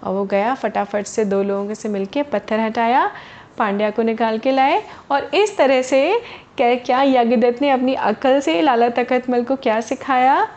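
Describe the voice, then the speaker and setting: A woman's voice: a little high, a little slow, a little mellow. A woman storyteller narrating a moral tale to children in a chatty manner, speaking directly to the young listeners. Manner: chatty, addresses listeners as kids. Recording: dull lo-fi recording.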